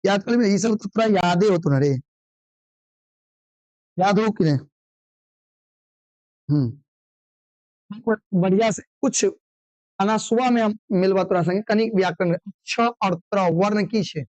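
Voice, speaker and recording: A man teaching an online exam revision class, firing quick questions and answering them himself, sometimes scolding. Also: high-pitched, darkish tone, no echo, poor audio. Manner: drilling call-and-response questions, brisk and scolding.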